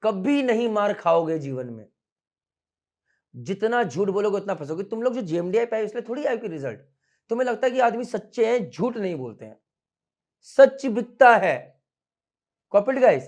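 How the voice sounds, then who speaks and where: A man in his thirties teaching students in a classroom, mixing Hindi and English, switching between fast and slow, loud and soft speech. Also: high-pitched, big pitch swings. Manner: mixes Hindi and English freely, scolds playfully. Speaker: merchant navy coaching instructor. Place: classroom with students standing behind.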